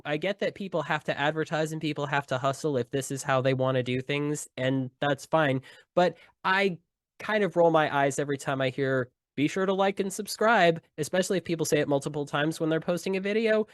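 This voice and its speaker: A man's voice: mid-range voice, clear, resonant tone, no echo. Man on a podcast, earnest and reflective, dry close mic. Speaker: podcast guest. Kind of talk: casual podcast conversation.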